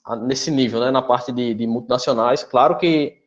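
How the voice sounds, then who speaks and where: Brazilian man explaining over a muffled call. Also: mid-range voice. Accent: Brazilian Portuguese. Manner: explanatory, pausing often with tag questions. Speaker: guest engineer presenter. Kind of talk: technical presentation in an online forum. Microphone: video call. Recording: muffled lo-fi online call audio.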